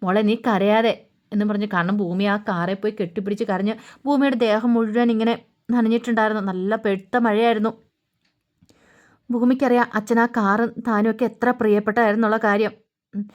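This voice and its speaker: A woman's voice: fairly high pitch, steady tone, brisk, muffled recording. A woman storyteller casually retelling a TV serial episode in a colloquial way, with little humming fillers.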